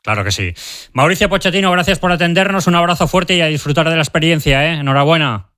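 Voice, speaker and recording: A man's voice: a little high, fast, sharp tone, dry recording, clean studio sound. A man hosting a sports radio show, asking chatty, teasing questions live on air.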